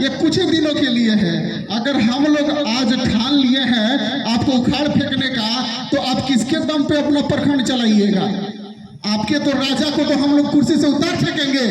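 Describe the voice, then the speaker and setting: A man's voice: very high voice, far from the mic. A man with a Bihari Hindi accent delivering an impassioned protest speech at an outdoor rally, reciting couplets and challenging officials. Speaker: protest speaker. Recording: very echoey PA sound from afar.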